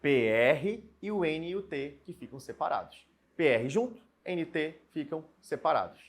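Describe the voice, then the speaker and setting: A man teaching a recorded Portuguese lesson, explaining step by step and spelling out example words slowly. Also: a little high, expressive, soft background music. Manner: explains step by step, asks students questions and answers them.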